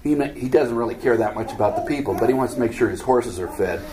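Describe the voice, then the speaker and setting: A man's voice: mid-range voice, fast, crowd noise, low-quality recording. A man teaching a Bible study, reading scripture aloud and breaking in with casual, joking commentary. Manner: reads scripture aloud then adds joking asides, acts out voices.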